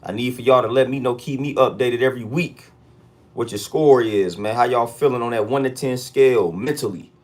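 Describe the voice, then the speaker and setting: A man's voice: medium pitch, brisk, darkish tone. An American man hosting a casual livestream check-in, talking in street slang and repeating hype catchphrases. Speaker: livestream host.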